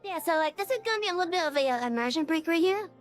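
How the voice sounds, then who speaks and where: A streamer speaks through a real-time voice changer that gives a high, feminine-sounding voice. The talk is loose and rambling, with plenty of ums and restarts. Faint music plays softly behind. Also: animated, very fast. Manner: rambling, many fillers and restarts. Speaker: game streamer. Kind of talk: casual live-stream chat.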